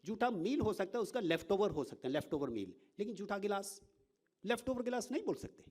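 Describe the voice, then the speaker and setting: Quick-paced and high-sitting with a breathy edge, a male professor gives an animated, informal lecture. English words creep into his speech, and he keeps checking in with rhetorical questions.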